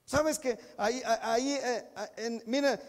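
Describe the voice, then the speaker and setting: Male pastor preaching, high voice, long echoey hall reverb, pleads and builds up. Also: steady tone, slow. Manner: preaching with rising fervor, addressing the congregation as brothers. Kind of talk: sermon.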